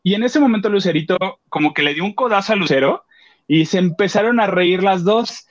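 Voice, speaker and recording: Man, Mexican accent, co-host, lively storyteller, slightly high voice, dull lo-fi sound. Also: brisk. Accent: Mexican Spanish. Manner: animated storyteller, acts out quoted voices. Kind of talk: casual chat, retelling a theater outing.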